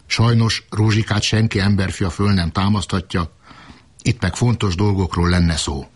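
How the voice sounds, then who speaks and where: A man's voice: low voice, fairly even intonation, husky. Man reading a reproachful stern villager.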